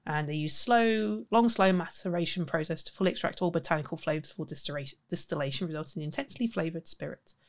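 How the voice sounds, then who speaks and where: A young woman in her twenties hosts a casual podcast. Her voice sits slightly low, and she chats in a rambling, friendly way. She giggles often and corrects herself mid-sentence. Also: fast talker, hardly any pauses. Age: 20s. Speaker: podcast host. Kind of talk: casual chat.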